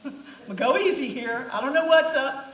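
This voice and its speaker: A woman's voice: high voice, moderate pace, highs cut off, a little hiss or hum. Sarcastic woman teacher joking to a class. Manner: sarcastic, animated. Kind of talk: comic classroom talk over film clips. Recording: echoey room, mic far off.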